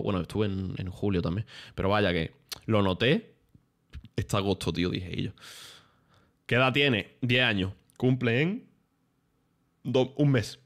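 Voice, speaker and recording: A young man, streaming and telling stories in casual chat, full of slang and swearing. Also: fairly low pitch. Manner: animated storytelling with lots of slang and swearing.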